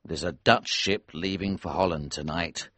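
A man playing an older, steady protector with a very deep, husky voice. He speaks slowly and gravely, reassuring the young hero in a storybook reading, with a dry, close sound. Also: no echo.

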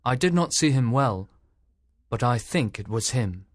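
A man's voice: mid-range voice, animated, a little slow, dry recording, clean studio sound, pitched above the performer's own voice. A man voicing an anxious, loyal servant who insists on what he saw. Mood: hesitant. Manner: insistent, agitated.

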